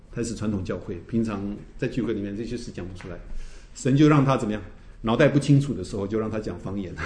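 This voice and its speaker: A man, a pastor teaching a church class, telling stories in a lively way, tagging his phrases with "哈" and laughing often. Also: medium pitch. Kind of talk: teaching a Bible class, with anecdotes. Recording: roomy echo.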